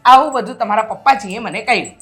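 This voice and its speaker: Middle-aged mother-in-law for a family film drama, sarcastic and scolding, played by a woman with a slightly high voice. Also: quick pace, a bit bright, soft background music, natural voice. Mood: complaining.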